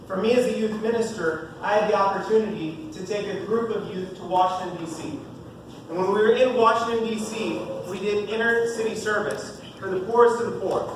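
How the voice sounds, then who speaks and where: A parish youth minister in his thirties, booming and high-pitched, jokes cheerfully with parents during a parish talk, speaking a little fast. There's no mic, so he's heard from far off, his voice ringing around a very echoey room over a steady background noise.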